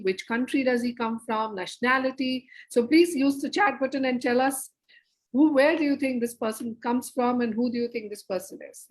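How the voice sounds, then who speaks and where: Brief: woman, theatre facilitator on a video call, lively and coaxing, slightly higher voice. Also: rough recording. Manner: lively, coaxing audience participation. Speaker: theatre educator and presenter. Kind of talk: interactive online workshop facilitation.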